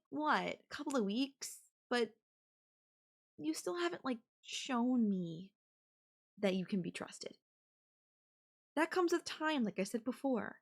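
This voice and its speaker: In an intimate audio roleplay, a woman with a medium-pitched, slightly bright voice plays an obsessive, menacing yandere girlfriend addressing her captive lover. She is sweetly condescending, coaxing and threatening, with lingering pauses.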